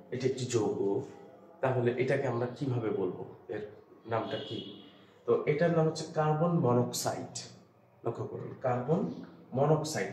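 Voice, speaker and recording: A male teacher with a Bengali accent walks learners through a lesson step by step, dropping English phrases into his Bengali. The room gives his voice a clear echo. A faint hum sits behind him. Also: mid-range voice, mellow. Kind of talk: classroom lesson.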